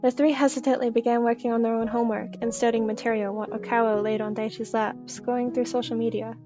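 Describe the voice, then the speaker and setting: A woman with a fairly high, rather even voice narrates a fan fiction story. The recording is a little dull and lo-fi, with music playing behind her. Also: fast. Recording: slightly dull lo-fi audio under music.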